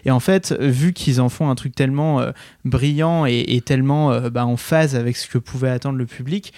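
A French-speaking man leads a relaxed film chat, stopping often to search for the next word. His voice sits at a middle pitch. The sound is dry and close. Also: normal speed, no room sound. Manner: hesitant, many fillers and restarts. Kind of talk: casual film discussion.

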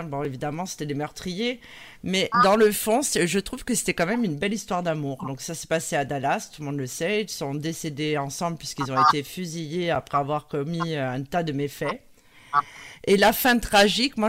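A woman's voice: on the low side, a bit bright. A woman hosting a live radio talk show, speaking with frequent hesitations and fillers. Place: radio studio.

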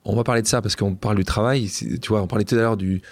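Male interviewer, chatty, jumps in to finish lines, fairly low voice, dry room. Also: fairly even intonation, fast, no room sound. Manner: chatty, finishes guest's sentences. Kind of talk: interview questions.

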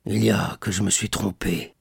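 A man voicing an aged male prisoner, grave and weary, speaking low through a wall in a raspy, gravelly voice. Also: fairly even intonation, normal speed, no room sound, studio quality, exaggerated voice. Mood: explaining. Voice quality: low, sepulchral, muffled. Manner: questioning, terse, then despairing.

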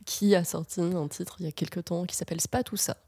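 A young woman in her twenties, a podcast guest chatting casually, with many pauses and fillers. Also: on the low side, slightly rough, dry recording, studio quality. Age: 20s. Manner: relaxed, hesitant with many fillers. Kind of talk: casual chat.

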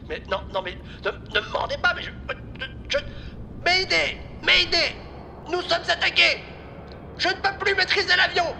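An actor playing a panicking airline captain who stammers and then shouts maydays. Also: male voice, high voice, noisy background. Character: panicking male airline captain, bitten by zombies.

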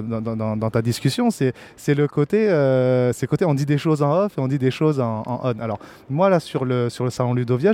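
A man speaking as a podcast guest, talking in a halting way with many restarts. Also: medium pitch, dark tone. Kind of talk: casual conversation.

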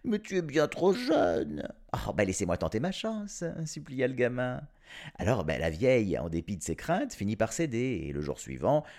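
A man's voice: deep voice, creaky, darkish tone. A man telling a fairy tale casually, with playful slangy asides and chuckles. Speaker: storyteller. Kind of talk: casual storytelling.

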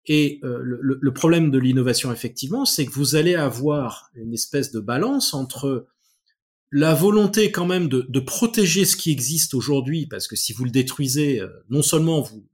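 A man's voice: medium pitch, expressive, normal speed, slightly rough. A man speaking as an expert guest in an interview, explaining ideas thoughtfully with frequent restarts and repeated words.

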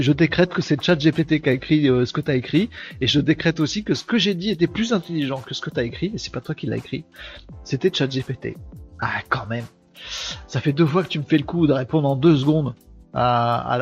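A man from France hosts a casual live stream, joking, rambling and answering viewers' comments as they come in. His voice is somewhat husky and sits at a middle pitch. The stream audio sounds dull and lo-fi, with faint music underneath. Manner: joking, rambling, reads chat comments aloud. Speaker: live webinar host.

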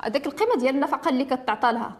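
A woman's voice: high-pitched, animated, racing. A woman with a Moroccan Arabic accent speaking in an impassioned discussion, emphatic and insistent, often piling up rhetorical questions. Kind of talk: impassioned discussion of family law.

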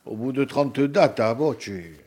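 Husky man chiming in on the radio. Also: medium pitch, lively intonation, measured pace, darkish tone. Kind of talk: casual radio chat.

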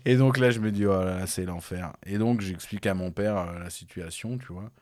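A young man in casual chat with a friend, telling a story in an animated, slangy way and laughing often. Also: deep voice, a little fast.

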